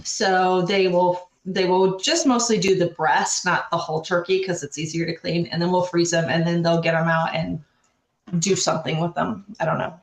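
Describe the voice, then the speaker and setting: Hoarse middle-aged woman with smoker's rasp. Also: on the low side. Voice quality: raspy like a chain smoker. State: hoarse from bronchitis. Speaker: show host. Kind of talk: casual chat. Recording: roomy, echoey sound.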